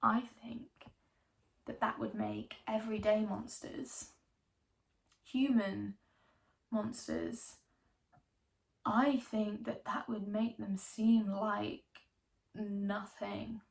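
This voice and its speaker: A woman playing a wry, defiant young woman obsessed with ghost stories in a theatrical dramatic monologue, emphatic and full of lingering pauses. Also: medium pitch, level tone, vocal fry, a little mellow. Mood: hushed awe.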